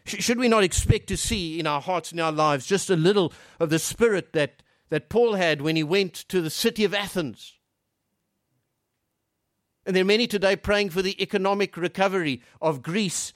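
With a high-pitched voice at a moderate pace, a man from Africa preaches earnestly, using rhetorical questions and swinging from soft to emphatic. The studio audio is clean and has no echo.

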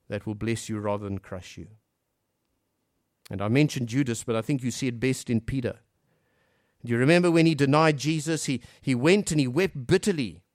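Preaching with sincerity, a man from Africa poses rhetorical questions and moves back and forth between quiet and forceful delivery. His pitch is a little high, captured in a clean, echo-free studio.

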